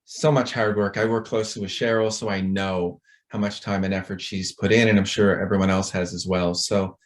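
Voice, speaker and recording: A middle-aged man with a fairly low voice gives a conference talk over a video call. He is chatty and rambling, with a self-deprecating manner. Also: little pitch movement, a little fast. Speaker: conference speaker.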